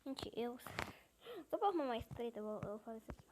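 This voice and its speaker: A young woman with a Brazilian Portuguese accent chatting excitedly while she plays an online game, reading chat and dropping into whispers. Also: fairly high pitch, quick pace. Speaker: gaming YouTuber. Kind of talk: casual gameplay commentary. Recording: noisy home recording.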